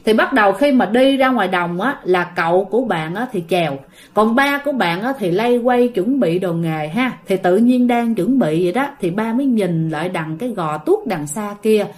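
A woman's voice: mid-range voice, expressive, normal speed. A woman telling a ghost story in a chatty way, talking straight to her listeners. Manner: chatty, addresses listeners directly.

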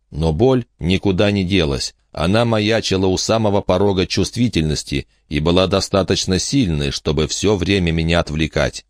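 A man reading a novel aloud in the first person, with measured storytelling in a dry studio. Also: low-pitched, no echo. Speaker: audiobook narrator. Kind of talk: first-person scripted narration.

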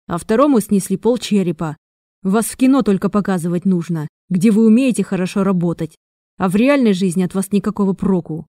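A woman voicing a hoarse, angry male police chief who scolds with contempt. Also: mid-range voice, warm tone, dry recording, clean studio sound, close to an everyday voice.

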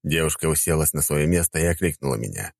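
A man narrating an audiobook in a calm, wry, laid-back manner. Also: extremely low pitch, fast talker, creaky, no room sound.

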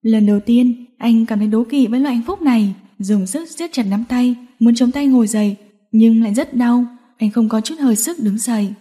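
A woman narrating a romance novel audiobook in a steady storytelling manner. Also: a little high, normal speed.

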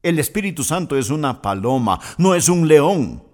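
A man's voice: a little high, normal speed. A middle-aged man preaching a sermon as a pastor, speaking straight to the listener and asking questions as he goes. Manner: animated preaching, asks the listener questions directly.

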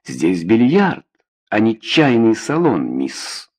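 A man voicing an impatient, unfriendly male pool player in an audiobook, gruff and slow. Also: fairly low pitch, huge pitch swings, a little mellow, heavily acted.

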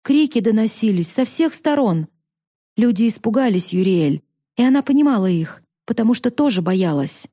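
A woman narrating a fantasy story in a steady, measured storytelling voice. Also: medium pitch, no room sound, studio quality. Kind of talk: expressive fantasy audiobook reading.

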